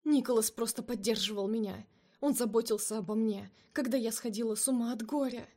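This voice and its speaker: A woman's voice: fairly high pitch, fairly quick, darkish tone. A woman voicing a desperate young woman who pleads emotionally with her lover. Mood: pleading. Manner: pleading, emotional, breaking into cries.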